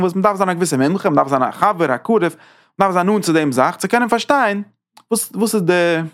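A man teaching a Torah class in a lively lecture style, talking with sudden leaps in pitch.

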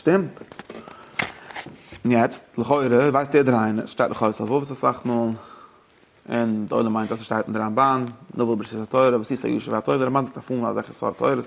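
Ein Mann hält einen lebhaften Lehrvortrag über religiöses Recht, mischt Deutsch, Englisch und Jiddisch und stellt seinen Zuhörern Fragen. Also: male voice, mid-range voice, flat delivery, racing, vocal fry. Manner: mixes German, English and Yiddish with rabbinic terms; poses questions to listeners. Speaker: teacher of religious law. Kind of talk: lively study-hall lecture.

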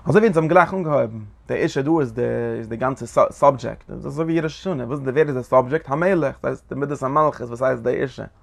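A man teaching a Zohar lesson in an animated lecturing way, often asking his listeners short questions. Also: mid-range voice, fast talker, vocal fry, hardly any pauses. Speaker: Torah teacher.

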